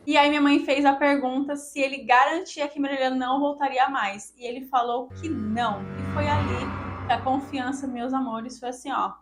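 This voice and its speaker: A young woman from Brazil telling viewers a personal story in a casual, emotional, indignant way, often addressing them directly. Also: sits high. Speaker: vlogger.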